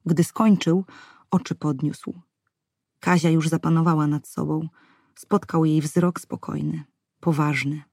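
A woman narrating a literary novel as an audiobook in a measured, even way. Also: low voice, gravelly, slightly rough, dry recording, clean studio sound.

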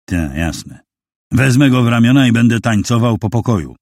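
In a lightly acted studio-quality recording, a man voices a gruff, sardonic older man with a hoarse voice, pitched above his own. The delivery is mid-range, expressive, and darkish in tone, at a normal speed with no echo.

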